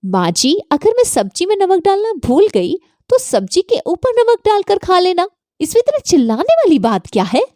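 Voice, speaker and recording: Woman doing a shrill bossy young daughter-in-law. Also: big pitch swings, measured pace, few pauses, a little mellow, no echo, studio quality. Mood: scolding. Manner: shrill, defiant and scolding.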